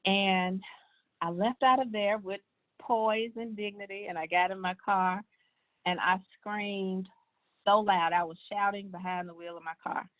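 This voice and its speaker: Woman telling her own story, earnest and casual, mid-pitched, tinny phone-like sound. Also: steady tone, unhurried. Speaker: speaker sharing her personal health story. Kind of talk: personal testimony talk.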